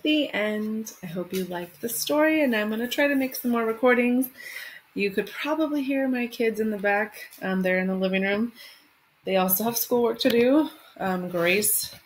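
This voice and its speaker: Here a thirties-aged elementary teacher speaks to kids with simple, lively expression, much like reading a picture book aloud. She has a fairly high pitch and talks at normal speed. It was captured on a home webcam in a small room, with faint noise in the background.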